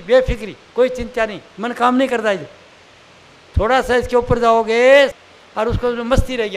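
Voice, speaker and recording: Older male spiritual teacher, very high voice, homely sermon, faint tape hiss. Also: a bit bright. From India. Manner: plain conversational preaching with examples. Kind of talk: satsang sermon.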